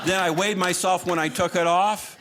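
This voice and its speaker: A man's voice: high-pitched, steady tone, normal speed. Sarcastic male stand-up comic, noisy live recording. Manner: sarcastic, dry lilt. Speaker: stand-up comedian. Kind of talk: live stand-up comedy routine with props. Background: audience laughter and noise.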